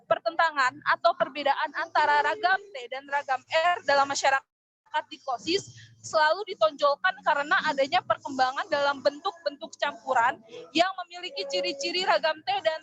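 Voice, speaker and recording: A young woman, a student, reading her part of a class presentation in a measured way with occasional small hesitations. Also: high voice, fairly bright tone. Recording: dull lo-fi recording.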